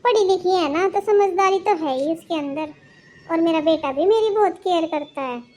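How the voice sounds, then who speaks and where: A woman's voice: very high-pitched, normal speed, warm tone. A woman voicing a caring older sister-in-law who lectures her relative with advice. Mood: proud. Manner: advising, lecturing tone.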